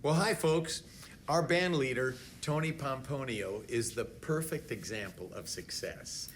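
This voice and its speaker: An actor playing a wisecracking lounge host who tells punchy jokes with slow timing. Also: male voice, medium pitch, a little hiss or hum, natural voice. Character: wisecracking Italian-American lounge host, brash.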